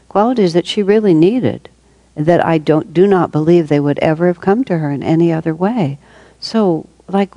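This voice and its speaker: A woman's voice: on the low side, warm tone, no echo. A woman giving a reflective, conversational spiritual talk to a group, taking questions as she goes. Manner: reflective and conversational, with light laughs. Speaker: spiritual teacher.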